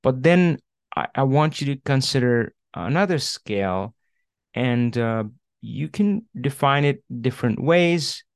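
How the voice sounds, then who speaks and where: A man runs an online coaching session in a loose, casual way, leaning on fillers and checking in with "right?" as he goes. His voice sits at an ordinary middle pitch. The sound is dry and close, with no room echo. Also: animated, measured pace, gravelly, clean tone. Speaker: career coach. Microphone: video call.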